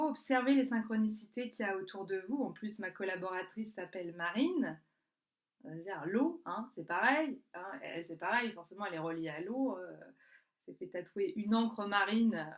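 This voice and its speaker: A woman talking casually to camera about signs around her, chatty and often restarting and searching for words. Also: medium pitch. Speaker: energy healer. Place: works in a southern French spa town.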